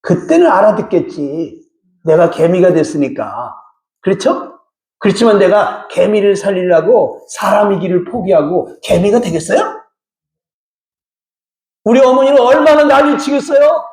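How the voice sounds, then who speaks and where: A man's voice: sits high, lively intonation, a little slow, a little mellow. A middle-aged male pastor preaching a sermon emphatically and often putting rhetorical questions to the congregation. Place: church sanctuary. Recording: echoey church hall.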